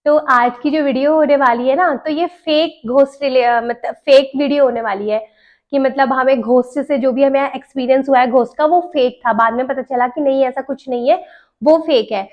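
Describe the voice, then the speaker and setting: A woman's voice: high voice, moderate pace. A young woman, telling stories in casual podcast chat and laughing as she recalls them. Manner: chatty, laughs while recalling. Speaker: podcast host sharing stories. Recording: dull lo-fi sound.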